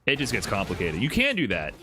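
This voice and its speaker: A man's voice: fairly low pitch, fast, background noise. A man from Miami chatting casually and patiently coaching a player through a fighting game. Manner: relaxed, laughs easily, explains patiently.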